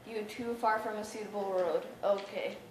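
A woman's voice: medium pitch, steady tone, moderate pace. A young woman casually chatting while playing a video game, talking with lots of "like" and giggling. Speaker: gamer. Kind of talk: casual gaming chat. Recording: echoey room with loud background noise.

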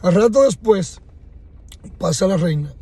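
A man casually telling a motivational fable, animated, acting out sounds and dialogue. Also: high voice, unhurried, husky, dry recording. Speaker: motivational storyteller.

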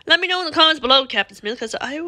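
A woman chats her way through a gameplay video in a high, bright, forceful voice. She rambles and cuts herself off mid-thought. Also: lively intonation, racing. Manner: rambling, chatty, self-interrupting. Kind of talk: casual gameplay commentary.

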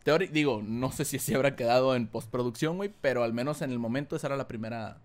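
A man from Monterrey with a northern Mexican accent, chatting casually as a podcast guest, slangy and full of filler words. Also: mid-range voice. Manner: fast, slangy, fills every phrase with filler words. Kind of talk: casual chat.

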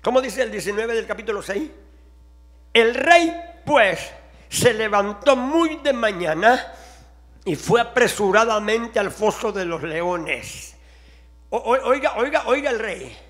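High-voiced fervent preacher man. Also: expressive, a little slow. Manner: fervent, shifting between quiet questions and shouting. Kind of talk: sermon.

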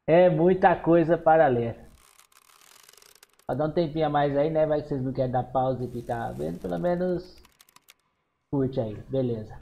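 A man with a Brazilian accent giving excitable commentary on a horror game, exclaiming and talking back to the characters on screen. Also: on the high side, normal speed, gravelly, pauses often, slight background noise, low-quality recording. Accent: Brazilian Portuguese. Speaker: gameplay streamer.

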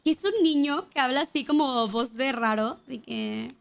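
A woman's voice: sits high, moderate pace, vocal fry. A young woman with a Mexican accent, streaming a game and chatting casually, swearing and singing along now and then. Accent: Mexican Spanish.

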